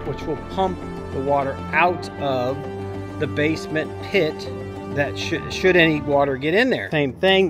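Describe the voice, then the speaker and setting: Holding the camera at arm's length outdoors at a concrete foundation site, a vlog host in his fifties gives a casual, plain-spoken walkthrough of his home build. His voice is on the high side.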